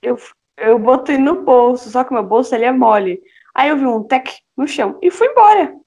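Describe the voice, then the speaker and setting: A woman's voice: high voice, normal speed. A teenage girl co-hosting a podcast, telling stories in casual chat and mimicking the people in them. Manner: expressive storyteller, mimics voices. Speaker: podcast co-host.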